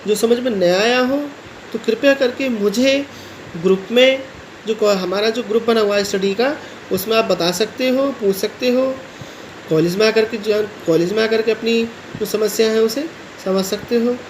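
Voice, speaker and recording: Woman, college teacher, lecture style, fairly high voice, slow repetitive explanation of verse. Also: a little hiss or hum, rough recording. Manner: slow, repetitive paraphrasing of each verse in plain words. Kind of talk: lecture explaining a poem line by line.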